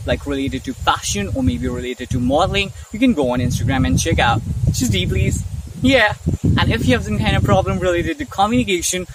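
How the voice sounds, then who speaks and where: A speaking coach giving a casual online lesson, chatty, often asking "right?" and slowing down to model examples. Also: medium pitch. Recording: distant mic with faint noise.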